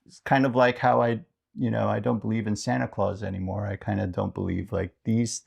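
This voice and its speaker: A man's voice: fairly low pitch, little pitch movement, a little fast, gravelly, husky. A middle-aged man, a podcast co-host, talking reflectively in a casual chat and thinking aloud with many fillers.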